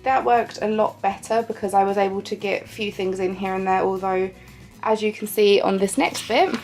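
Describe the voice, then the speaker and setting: Here a woman vlogger speaks in a gravelly, darkish voice of medium pitch, her nose blocked and her tone nasal. Chatty and self-deprecating, she guides the listener through her pages and chuckles softly at herself.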